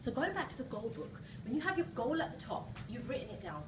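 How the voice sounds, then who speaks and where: Her voice is a little high and sing-song, and she moves at a quick pace while coaching a live seminar audience with rousing, emphatic motivation. She often checks in with short questions. The echoey room and distant mic pick up plenty of background noise.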